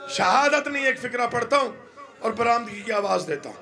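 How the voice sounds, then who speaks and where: A man's voice: very high voice, lively intonation, brisk, gravelly, bright, forceful tone. A man reciting a mourning majlis at an imambargah gathering, impassioned and crying out in rising wails.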